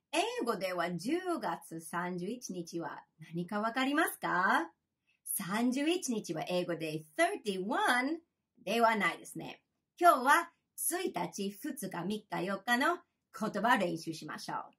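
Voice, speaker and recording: A young woman teaching English pronunciation, drilling words slowly for the listener to repeat. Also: on the high side, fairly bright tone, slightly rough. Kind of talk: bilingual pronunciation lesson.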